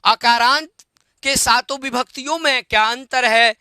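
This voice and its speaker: A male Sanskrit teacher giving an online grammar lesson. He repeats word forms, quizzes his students with questions and chants the declensions slowly in a sing-song way. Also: extremely high pitch, bright, forceful tone, smooth, dry recording, clean studio sound.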